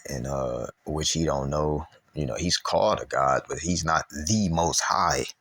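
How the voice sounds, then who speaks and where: A man with an extremely deep, husky voice talks through a Bible lesson in loose street slang, full of fillers and asides. When he reads scripture he slows down and trips over the archaic words. The recording is dry and close, with no room sound. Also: a bit bright, dry recording. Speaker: Bible teacher. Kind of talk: casual Bible study talk.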